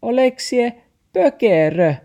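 An excitable little female dachshund yaps in a high, shrill voice, as a man puts her on. Her voice bounces all over the place, with a mellow undertone. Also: creaky, husky, exaggerated voice. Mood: alarmed.

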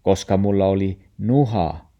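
A man reading a storybook, playing a kind, reassuring grandfather who coaxes gently in dialect. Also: low voice, dull audio. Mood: coaxing. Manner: warm coaxing dialect speech.

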